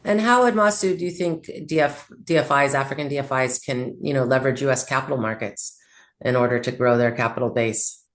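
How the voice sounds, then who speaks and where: A man's voice: medium pitch, brisk, a bit bright. A man moderating an online panel, asking questions in a conversational way with many fillers. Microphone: video call.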